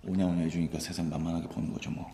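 A gravelly, fawning underling. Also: male voice, sits low, flat delivery, rapid-fire. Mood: teasing. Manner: wheedling, chatty and teasing. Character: joking, fawning male subordinate investigator. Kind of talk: 1980s period film acting. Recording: echoey film room with noise.

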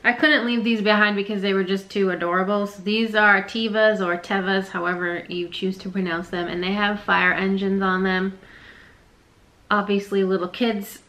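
A woman's voice: mid-range voice, flat delivery, normal speed, sharp tone, low-quality recording. A young woman chatting casually through a resale haul vlog, rambling and self-deprecating. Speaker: reseller vlogger.

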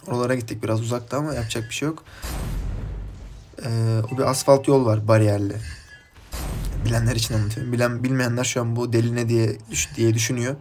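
A man from Turkey commenting casually on his mobile game match, chatty and rambling from topic to topic, with bursts of excited shouting at his teammates. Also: mid-range voice, quick pace, faint music behind. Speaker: gaming YouTuber.

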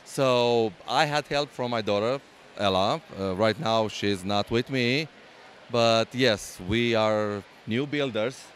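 A Romanian LEGO builder and exhibitor, speaking with a Romanian accent, talks hesitantly about his build in a casual convention hall interview, full of fillers and restarts. His mid-range voice takes things slowly and sounds fairly bright, with slight background noise.

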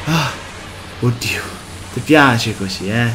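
A man doing a let's play commentary on a horror game, excitable, swearing and shouting whenever something jumps out. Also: mid-range voice, takes it slowly, background noise. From Italy. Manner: excitable, swears and yelps at scares. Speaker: gameplay commentator.

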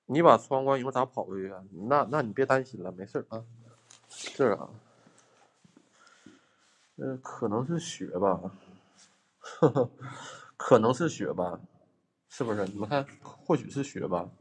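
A man's voice: medium pitch, animated, measured pace, pauses often, slightly rough. Chatty young man. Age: young adult. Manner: chatty, joking, talks to viewers, flares up in mock anger. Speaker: livestreamer ghost hunter. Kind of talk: casual livestream chat. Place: abandoned house, indoors.

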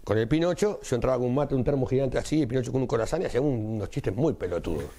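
Lively Rioplatense man telling stories. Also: medium pitch, rapid-fire. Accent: Rioplatense Spanish. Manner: lively storyteller, acts out dialogue in shifting voices. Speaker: interview guest, carnival performer. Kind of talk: animated anecdote telling.

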